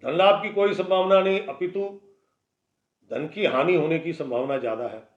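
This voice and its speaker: A man's voice: fairly high pitch, moderate pace. A man giving a daily horoscope as an astrologer, talking bluntly and warning listeners in a conversational, lecturing way. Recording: echoey room, dull lo-fi sound.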